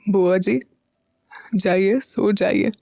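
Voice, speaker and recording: A woman voicing a calm, gentle older man who soothes the family elder. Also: medium pitch, extremely slow, vocal fry, dry recording.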